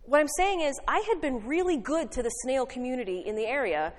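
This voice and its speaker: A woman preaches a sermon with lively, wry storytelling, her voice sitting on the higher side. The sound rings with a long reverb, as if she stands in a large hall. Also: a little fast. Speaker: pastor.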